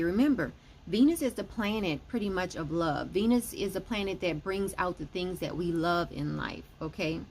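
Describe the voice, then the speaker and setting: A woman's voice: mid-range voice, a little hiss or hum. Woman explaining astrology, saying "okay" often. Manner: explanatory, often says "okay" between points. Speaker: astrology and tarot reader. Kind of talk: casual weekly forecast talk.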